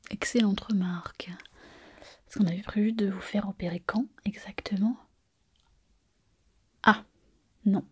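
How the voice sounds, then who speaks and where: A woman's voice: medium pitch, a little mellow, breathy edge. A woman whispering in an ASMR roleplay, playing a chatty, self-satisfied pregnant surgeon close to the mic. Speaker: ASMR performer.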